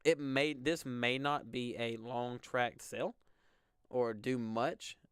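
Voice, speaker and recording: A man's voice: medium pitch, fairly even intonation, takes it slowly, clear, resonant tone, dry recording, studio quality. A young man from Alabama, hosting live weather coverage in a casual, rambling way with lots of fillers. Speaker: weather stream host.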